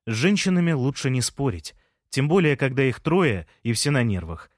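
A man's voice: mid-range voice, very animated, normal speed, no room sound. A man narrating a first-person audiobook in a dry, wry manner on a close mic.

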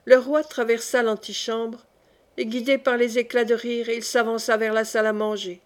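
A woman reading a classic historical novel aloud as an audiobook narrator, going soft for whispered lines and louder for the king's speech. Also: a little high, level tone, normal speed. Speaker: audiobook reader.

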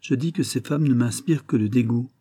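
A man's voice: medium pitch, fairly quick, mellow, husky, no echo, clean studio sound, close to an everyday voice. A man voicing an earnest young man in love who answers his father stiffly and with indignation.

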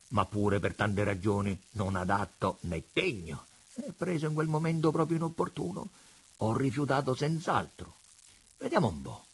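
A man reading aloud, voicing a middle-aged father who questions his daughter calmly and slowly, with teasing menace. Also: mid-range voice, slightly rough, voice pushed up. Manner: calm, slow, teasing questions. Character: middle-aged father, calm, probing, coolly cruel.

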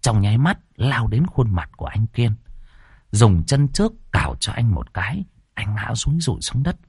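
A man with a fairly low voice tells a horror tale with dramatic, expressive delivery. His pitch rises and falls a lot, and the recording is dry and close. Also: moderate pace, slightly rough, no room sound. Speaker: storyteller. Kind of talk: scripted horror narration.

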